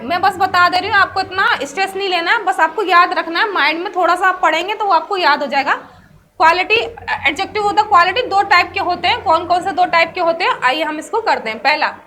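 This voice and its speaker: High, bright-voiced woman teaching. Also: a little hiss or hum. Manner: chatty teacher who asks herself questions and answers them. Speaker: English grammar teacher. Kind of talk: explanatory class lesson mixing Hindi and English.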